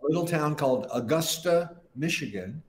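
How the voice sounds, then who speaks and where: Here's an older man with a slightly high voice, lively intonation and a moderate pace. As a guest musician in a casual interview, he rambles through long stories and frequently starts his sentences over, with roomy echo around him.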